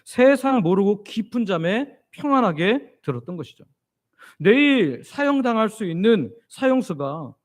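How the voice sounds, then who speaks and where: A man preaching an expository sermon as pastor, asking his congregation questions and answering them himself. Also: high voice. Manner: leads the congregation in reading scripture aloud.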